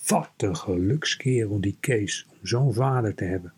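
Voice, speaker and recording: A man's voice: lowish voice, normal speed, darkish tone, breathy edge. A man reading an audiobook, voicing a tense, wistful schoolboy.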